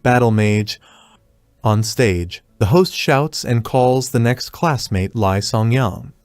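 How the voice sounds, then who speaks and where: A man narrating a scripted story recap in an even, steady way. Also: mid-range voice, slow, no echo.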